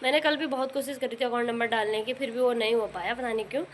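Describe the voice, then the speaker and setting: A young woman and mother vlogging in casual chat, rambling with many pauses and fillers, and rising into high, coaxing calls when she talks to her baby. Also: steady tone, background noise. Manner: rises into high, loud, coaxing tones when calling the baby.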